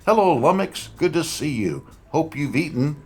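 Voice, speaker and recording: A man's voice: on the high side, very animated, moderate pace, breathy edge, voice pushed up. Man doing a genial hotel detective in his fifties. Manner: friendly, welcoming.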